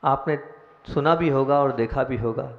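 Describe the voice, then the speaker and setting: A man's voice: medium pitch, moderate pace. A man monk giving a devotional sermon, explaining step by step and asking the audience questions. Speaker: senior monk giving discourse. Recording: echoey hall, dull lo-fi sound.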